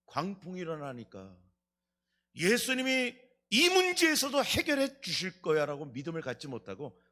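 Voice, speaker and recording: Fervent high-pitched male preacher. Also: fairly bright tone. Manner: fervent preaching, questioning the congregation and acting out quotes. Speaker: pastor. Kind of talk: Friday night revival sermon. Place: church sanctuary.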